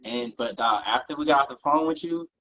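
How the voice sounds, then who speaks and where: A man co-hosting a podcast, talking in a heartfelt, halting way with lots of fillers. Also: medium pitch, sharp tone, highs cut off. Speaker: podcast co-host. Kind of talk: casual podcast conversation.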